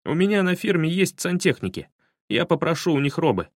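A man's voice: a little high, big pitch swings, brisk, no room sound, studio quality, pitched above the performer's own voice. A man voicing a bold, skeptical young man who gives orders scornfully. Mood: bossy. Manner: commanding, scornful.

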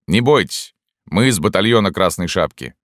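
A man's voice: low voice, animated, measured pace, no room sound, studio quality. A man reading an audiobook plays a stern, bearded army sergeant who asks curt, demanding questions. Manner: gruff, interrogating, curt. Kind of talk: audiobook narration.

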